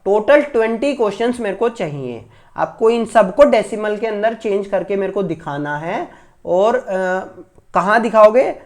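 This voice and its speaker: A man's voice: high voice, lively intonation, unhurried. A male school teacher giving an online maths lesson to children, patient and repetitive, often checking that his pupils have understood. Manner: addresses pupils fondly as children. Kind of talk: online class lecture for children.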